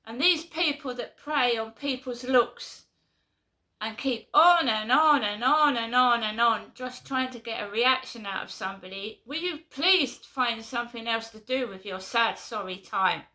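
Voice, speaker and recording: London lady ranting on her vlog, bright tense voice, keeps repeating herself. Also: fairly high pitch, a little slow. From London, England. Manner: exasperated, repeats herself, talks in short bursts. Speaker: vlogger. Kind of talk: casual venting vlog.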